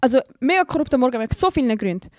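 Expressive young Swiss woman. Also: high voice, very fast, no echo, studio quality. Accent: Swiss German. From Switzerland. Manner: reacts with frequent exclamations. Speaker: podcast co-host. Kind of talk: casual chat.

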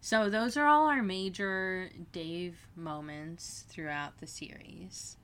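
A woman's voice: lowish voice, takes it slowly, fairly bright tone, clean tone. A woman hosting a casual fan podcast, chatty and laughing as she retells scenes. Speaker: podcast host.

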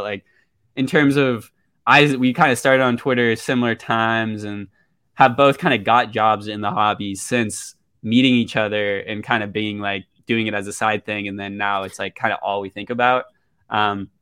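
A man's voice: lowish voice, fairly bright tone, clean tone, no echo. A young man hosting a podcast in casual chat, with a frat-bro way of talking full of slang, "like" and "dude". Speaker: podcast host.

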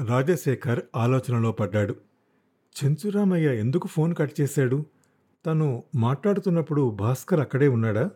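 A man narrating a thriller novel as an audiobook in a steady, dramatic storytelling manner. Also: medium pitch, moderate pace, slightly rough. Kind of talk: scripted narration.

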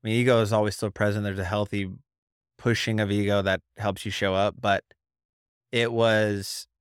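A man answers reflectively in casual podcast conversation, thinking aloud and filling pauses with like as he feels for his words. His voice is fairly low, smooth and resonant. The recording is dry and close. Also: little pitch movement, dry recording. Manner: reflective, searching for words with many likes.

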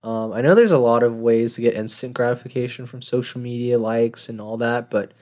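A man's voice: medium pitch, a little fast, a little mellow. Rambling young man on a solo podcast. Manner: rambling, self-deprecating, laughs at his own jokes. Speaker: podcast host. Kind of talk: casual solo monologue.

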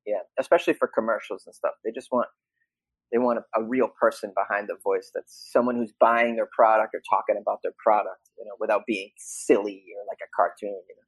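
A man from Boston, a comedian and voiceover actor, chatting as a podcast guest with animated storytelling. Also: lowish voice, fairly quick, husky, no echo, rough recording. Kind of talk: casual podcast conversation.

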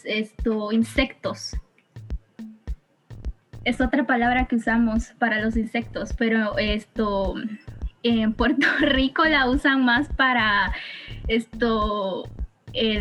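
A young woman from Honduras with a Honduran accent, chatting hesitantly on a podcast and filling pauses often. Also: a little high. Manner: hesitant, fills pauses with "esto", giggly. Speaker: student podcast guest. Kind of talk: casual podcast chat.

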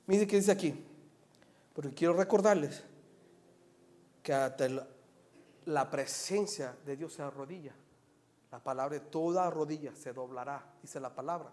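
A male pastor preaching a sermon in church, moving from quiet asides to loud, animated emphasis. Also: fairly high pitch, moderate pace, pauses often. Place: church service with slides.

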